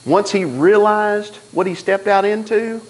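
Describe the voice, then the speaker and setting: A man preaching a sermon in a church, telling stories in a folksy, animated way and acting out the dialogue. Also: sits high, a little slow, poor audio. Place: church sanctuary.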